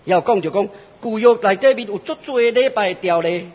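High husky male preacher, echoing hall. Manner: preaching in short phrases, pausing for interpretation. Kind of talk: sermon in Taiwanese Hokkien. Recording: lo-fi recording with long hall reverb.

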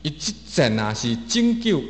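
Guy interpreting a sermon, bouncy higher voice, lots of room echo. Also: big pitch swings, moderate pace. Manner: repeats each phrase, with small restarts. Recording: roomy long hall reverb.

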